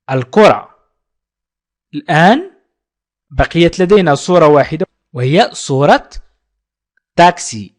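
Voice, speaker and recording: A man gives a children's language lesson at an unhurried pace. He says each word slowly and repeats it, then translates it. His pitch moves a lot, rising and falling as he explains. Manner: appeals to viewers to like and subscribe. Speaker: French teacher.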